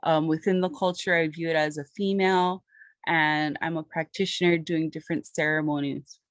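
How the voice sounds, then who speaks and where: A Hawaiian woman gives a slide lecture on her botany research at a moderate pace. Her voice is on the lower side, and her delivery is steady and earnest. The recording is dry and close, with no room echo.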